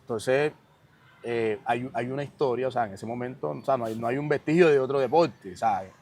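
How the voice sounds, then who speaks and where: A man's voice: medium pitch, moderate pace, darkish tone. A man with a Colombian Caribbean accent talks in a mid-range voice, as a podcast guest would. He explains in an emphatic, casual way and keeps checking he is understood. Light ambient noise sits behind him. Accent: Colombian Caribbean, from Cartagena. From Cartagena, Colombia.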